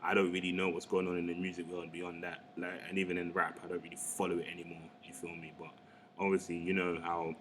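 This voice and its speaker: A man's voice: deep voice, completely flat delivery, quick pace, a bit bright, a little hiss or hum. A young Englishman, chatting casually and rambling with lots of slang while he works on a digital painting. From England. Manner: laid-back, slangy, rambling. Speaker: artist. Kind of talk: casual chat while drawing.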